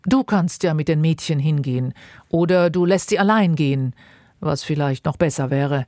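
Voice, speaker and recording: A woman's voice: low-pitched, normal speed, dark tone, no room sound, clean studio sound, lightly acted. A woman reading aloud and voicing a laconic, drily ironic older husband. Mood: dry, teasing. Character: dry, teasing older husband, unbothered.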